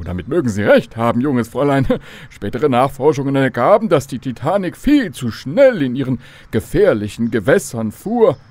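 In a children's radio drama, a male actor plays a courteous, old-fashioned, learned professor, speaking in a formal, pedantic way. His voice is fairly high-pitched, and there's no echo.

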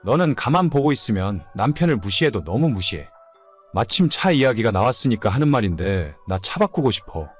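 A man's voice: mid-range voice, sing-song, a little fast, soft background music. A man playing an immature, whining, hungover husband in his late thirties in a dramatized story. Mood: defensive. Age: late 30s. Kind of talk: dramatized audio story dialogue.

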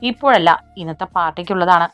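A woman voicing a gentle older brother. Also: fairly low pitch, fairly quick, no echo, lo-fi sound, faint music behind, lightly acted. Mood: tender. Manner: soothing, fond.

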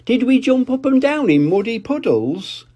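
Older man doing a squeaky little girl piglet, storybook cartoon, cheeky, high, husky edge. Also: big pitch swings, dark tone, exaggerated voice. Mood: childish. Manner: slow storybook reading.

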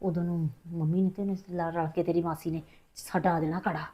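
A woman's voice: lowish voice, flat delivery, mellow, lightly acted. Woman playing an evasive scheming Punjabi mother. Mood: defensive. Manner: defensive, talks fast and evasive. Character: scheming middle-aged mother hiding a pawned bangle. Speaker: mother in a family drama. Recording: dull lo-fi sound.

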